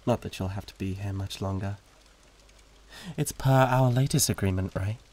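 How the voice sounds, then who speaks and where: In a theatrical roleplay audio drama, a British man plays a suave demon who is condescending and flirtatious, speaking in a haughty drawl. His voice is fairly low, a little mellow, and at normal speed, lightly acted, with a seductive mood.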